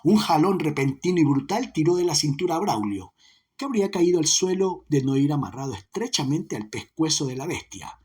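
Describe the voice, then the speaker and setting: A man narrating an audiobook in a dramatic, varied reading with a husky voice. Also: fairly high pitch, sing-song, brisk, darkish tone.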